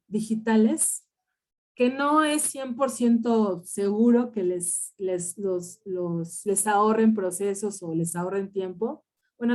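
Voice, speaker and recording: A middle-aged woman gives an online university lecture in a mellow, warm voice. She explains patiently and step by step, often pausing to check that her students follow. Her pitch sits in an ordinary middle range. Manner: explanatory, checks understanding with frequent "¿sí?" and "¿no?". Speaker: university instructor.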